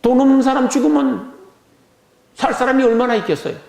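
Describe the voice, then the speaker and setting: A man's voice: extremely high pitch, brisk, creaky, darkish tone, echoey room. A male pastor preaching a Sunday sermon, emphatic, with rhetorical questions and phrases repeated for emphasis. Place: church sanctuary.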